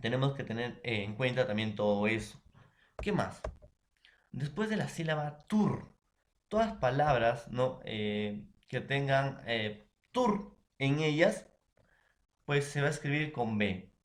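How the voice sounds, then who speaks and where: A man's voice: medium pitch, unhurried. Peruvian man teaching in an echoey room. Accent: Peruvian Spanish. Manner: repetitive, checks in with the class often. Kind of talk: classroom spelling lesson.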